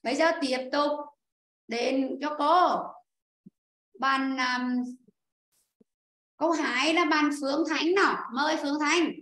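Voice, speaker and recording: High-voiced woman teacher in an echoey room. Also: steady tone, takes it slowly, long pauses, a bit bright. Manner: patient, explains step by step and calls on pupils. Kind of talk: online class teaching. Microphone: video call.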